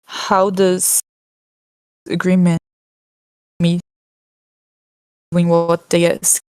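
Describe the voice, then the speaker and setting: A woman's voice: fairly low pitch, monotone, darkish tone, smooth, no echo. Woman on a choppy, dropping voice chat. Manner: halting, questioning. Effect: online voice chat breaking up, words dropping out. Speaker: player. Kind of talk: voice-chat roleplay.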